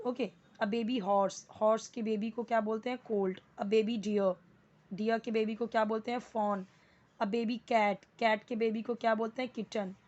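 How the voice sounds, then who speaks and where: A woman's voice: mid-range voice, a little mellow. Lady teaching baby animal words, keeps quizzing then answering, repeats stuff, kinda muffled recording. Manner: asks questions then answers them, repeats words for drill. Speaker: English teacher. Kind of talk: spoken English lesson.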